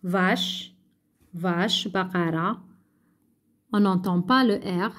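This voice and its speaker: Woman teacher, slow and patient, says every word twice then translates it. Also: fairly low pitch, a bit bright. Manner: slow, patient, repeats words and translates French into Arabic. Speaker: primary school teacher. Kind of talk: workbook lesson.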